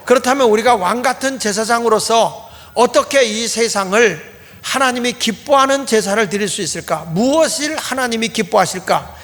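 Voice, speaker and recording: Middle-aged male pastor, high voice, plain repetitive sermon delivery, church hall reverb. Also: fairly bright tone. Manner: plain, explanatory preaching with repeated emphatic phrasing. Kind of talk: Sunday sermon. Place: church sanctuary.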